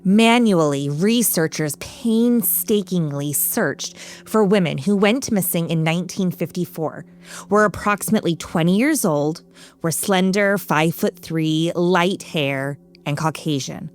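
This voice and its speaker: With a lowish voice, a woman hosts a true-crime podcast, reading from a script in measured, dramatic storyteller phrasing.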